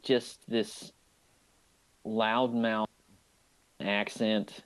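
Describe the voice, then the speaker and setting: A man co-hosting a movie podcast, chatting casually and enthusiastically about an animated film, often restarting his sentences. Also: fairly low pitch, very slow, clean tone, poor audio. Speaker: podcast co-host.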